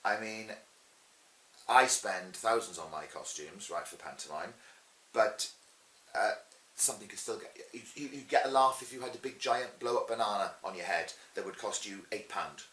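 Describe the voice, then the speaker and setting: A middle-aged pantomime performer tells anecdotes in an interview, chatty, theatrical and emphatic. His fairly low voice moves at a moderate pace and sounds pushed and bright. The room adds echo and a faint hiss.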